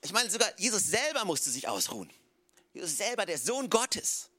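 A man preaching a sermon as pastor, telling stories in a casual, animated way and dropping in English phrases like "come on". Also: sits high, moderate pace.

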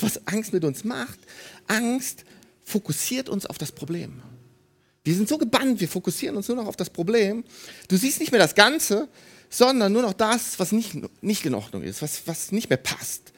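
Husky preacher with a lively voice. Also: mid-range voice. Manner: emphatic, repeats key phrases, "hey" interjections; talks directly to the congregation. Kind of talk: sermon.

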